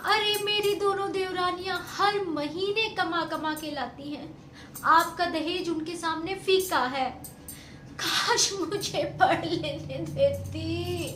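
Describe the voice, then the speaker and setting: A woman voicing an upset young sister-in-law who complains loudly through tears. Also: very high-pitched, unhurried, recorded from a distance. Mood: angry complaint. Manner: loud complaining wail. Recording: echoey room, faint noise.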